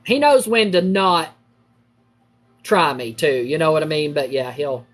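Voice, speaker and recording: A middle-aged woman, chatting casually with livestream viewers while she crafts and telling family stories in a lively, animated way. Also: unhurried. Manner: lively, acts out quoted family members with big pitch jumps.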